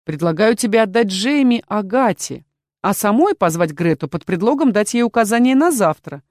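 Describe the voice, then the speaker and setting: A woman voicing a male castle guard chief who speaks quietly and confidently, with a cold edge. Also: medium pitch, animated, moderate pace, no room sound, studio quality, pitched above the performer's own voice, close to an everyday voice. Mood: concerned. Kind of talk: audiobook character voice.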